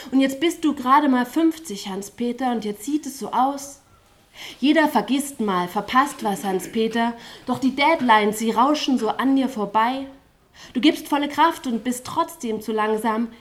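A woman with a slightly high voice performs spoken-word poetry live on stage, without a microphone. Her delivery is rhythmic and chant-like. She breaks into stuttering, repeated refrains.

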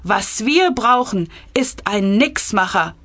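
A woman's voice: medium pitch, animated, slow pace, a bit bright, dry recording. A sly male cabinet minister who grins as he floats a cynical scheme, in a satirical audiobook scene, as a woman reads him. His voice is dry and close. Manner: grinning, sly, raised voice.

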